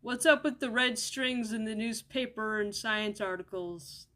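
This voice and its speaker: A woman acting out comedy sketches, swearing casually and bantering in a deadpan way. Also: fairly high pitch, measured pace. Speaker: sketch comedy creator playing all roles.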